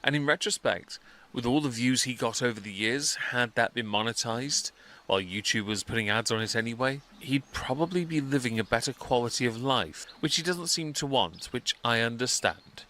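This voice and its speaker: A man's voice: mid-range voice, lively intonation, moderate pace, sharp tone. A man giving wry, wordy commentary as a political livestreamer.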